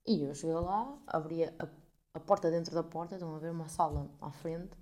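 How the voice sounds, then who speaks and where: A woman of twenty-one with a European Portuguese accent, telling a story to her podcast listeners in a casual, animated way, swearing freely and acting out the people she quotes. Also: low-pitched, brisk. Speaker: podcast host.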